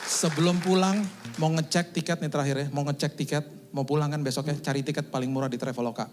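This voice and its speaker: Lively storytelling male pastor. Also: on the high side, fast talker, a faint crowd, slight background noise. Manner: lively storytelling, acting out dialogue. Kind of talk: sermon testimony.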